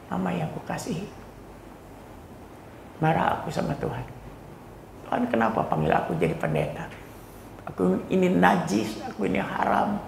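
Gravelly-voiced male preacher in an echoey hall. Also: on the high side, slight background noise. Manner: emotional preaching, builds to loud exhortation, mixes in English phrases. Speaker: pastor. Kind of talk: sermon with testimony. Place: church hall.

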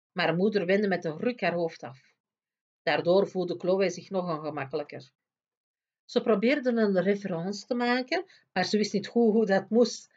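Een vrouw die een kinderboek hardop en expressief voorleest. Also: female voice, lowish voice, lo-fi sound. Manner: expressive, lively storytelling. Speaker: storyteller reading aloud. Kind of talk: reading a children's book aloud.

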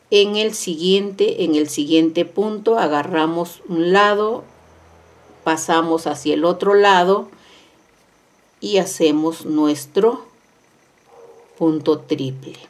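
A woman's voice: on the low side, a little mellow. A woman teaching crochet step by step, counting stitches aloud and repeating each instruction. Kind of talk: step-by-step craft tutorial. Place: indoors at a craft table.

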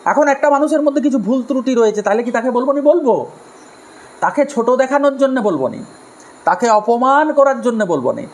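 A man giving a moral lecture on family life to a live audience, in an animated way, asking rhetorical questions and acting out harsh and gentle tones of voice. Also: extremely high pitch, rough recording. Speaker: spiritual speaker on family life.

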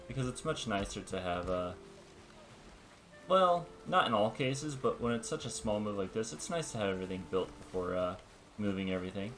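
A man hosting a let's-play, explaining game mechanics step by step in a relaxed, casual way. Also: on the low side. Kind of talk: casual gameplay commentary. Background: background music.

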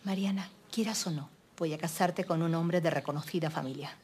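An actress plays a haughty middle-aged colonial mother with a lowish voice. She talks with stern, scolding authority, and faint ambient noise sits behind her. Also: fairly quick, darkish tone, lightly acted. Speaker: mother of Mariana.

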